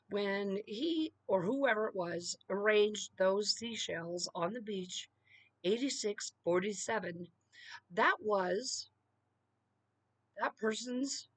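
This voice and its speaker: A middle-aged woman talks straight into the mic in a fired-up solo rant, leaning hard on "okay?" and "you know" between points. Her voice sits at an ordinary middle pitch. The sound is dry and close, with almost no room around it. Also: dry recording. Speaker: political commentator.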